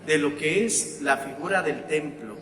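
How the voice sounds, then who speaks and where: A man with a Mexican Spanish accent, a parish priest giving a sermon-style talk to his congregation, pausing often on fillers and repeating words. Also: on the high side, lively intonation, echoey room, in a large hall. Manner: slow and deliberate, with frequent fillers and repeated words.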